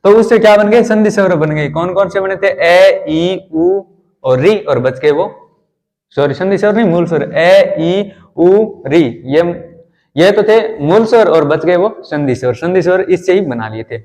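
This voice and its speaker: A man teaching a grammar lesson, asking the class questions and answering them himself, slowing down to sound out vowels one by one. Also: sits high, darkish tone. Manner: explains step by step, asks and answers his own questions.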